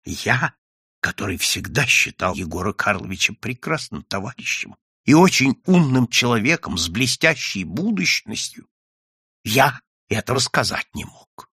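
A man voicing a sly, pompous office worker in an audiobook, speaking low and solemnly. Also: big pitch swings, normal speed, gravelly, few pauses, a bit bright, husky, dry recording, clean studio sound, heavily acted. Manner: solemn, heartfelt, lowered voice.

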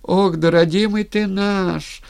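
A man voicing an old village madwoman who wails drawn-out, sung-out laments in a storybook reading. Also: high-pitched, steady tone, gravelly, darkish tone, clean tone, voice pushed up, exaggerated voice. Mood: wailing.

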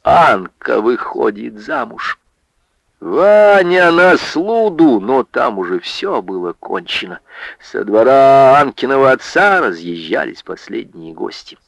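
A man narrating a literary story for radio in a measured, expressive way. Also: lowish voice, gravelly, dry recording, low-quality recording.

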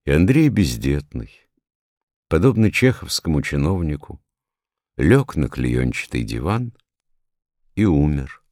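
A man reading satirical prose aloud as narrator, in a measured, ironic storytelling manner. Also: extremely low pitch, a little mellow, no echo, studio quality.

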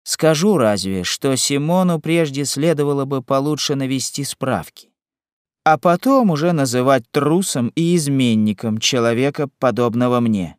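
A man voicing a calm, sorrowful young man who defends himself in a courtroom, in an audiobook reading. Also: medium pitch, moderate pace, clear, resonant tone, dry recording, studio quality, natural voice. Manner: grave, restrained.

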